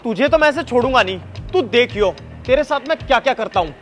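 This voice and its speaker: A man's voice: very high-pitched, expressive, a little fast, fairly bright tone, faint music behind. A young man playing an arrogant diner who talks down to a waiter with contempt. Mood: scornful. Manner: scornful, bullying, contemptuous. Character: arrogant young man on a first date, rude to staff. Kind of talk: web short drama acting.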